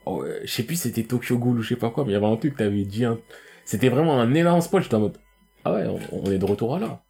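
A man's voice: mid-range voice, expressive, rapid-fire, creaky, dark tone. A young man in casual, slangy podcast chat, explaining his point insistently as a co-host.

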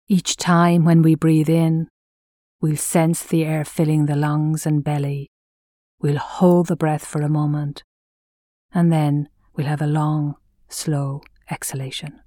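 This is a calm, measured mindfulness meditation led by a woman with a soft, low, level voice that drifts into breathiness. Long pauses fall between her phrases, and the studio-quality audio has no room sound.

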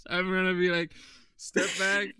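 A young man in his twenties hosts a laid-back podcast, talking in a rambling, chatty way and laughing often. His voice sits a touch high for a man, and the sound is dry and close. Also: sharp tone, clear, resonant tone, dry recording. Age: 20s. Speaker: podcast host. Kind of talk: casual chat.

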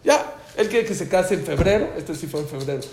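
Male religious teacher, mid-pitched, animated storyteller who voices the characters in his anecdotes; roomy recording with faint background noise. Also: fairly quick. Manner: animated, acts out dialogue in stories. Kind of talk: storytelling lecture. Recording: echoey room with faint ambient noise.

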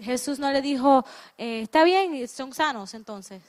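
A woman interprets a sermon line by line as it is preached. Her voice sits high, and she often trips, restarts words, and pauses to find the right phrasing. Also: lively intonation. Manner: translates phrase by phrase with restarts and hesitations.

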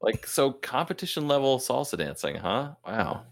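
A man's voice: mid-range voice, big pitch swings, normal speed. A man hosting a casual podcast interview, joking and asking playful questions.

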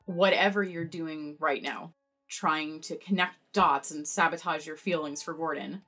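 A woman's voice: deep voice, measured pace, bright, forceful tone, faint music behind, exaggerated voice. A woman playing an earnest, anxious young librarian sidekick in a noir audio drama, pleading and exasperated.

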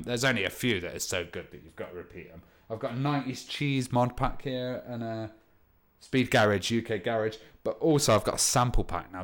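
A man hosting a DJ music show in casual, explanatory livestream chat, speaking into headphones used as a microphone. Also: lowish voice.

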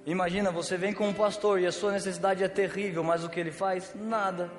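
Brazilian male pastor, slightly high voice, laid-back slangy preaching, echoey hall, faint music underneath. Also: level tone, brisk. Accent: Brazilian Portuguese. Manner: casual slangy storytelling with humor. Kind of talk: sermon.

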